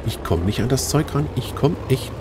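A man giving chatty, casual commentary while playing a game, talking straight to his viewers and getting easily excited. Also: mid-range voice, normal speed, background noise. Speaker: let's play host.

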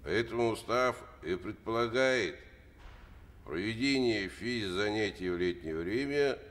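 An actor playing a middle-aged army officer in a film comedy, lecturing in a pompous, didactic way. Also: male voice, lowish voice, expressive, unhurried, fairly bright tone. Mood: sententious. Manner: didactic, sententious. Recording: reverberant hall, faint background noise.

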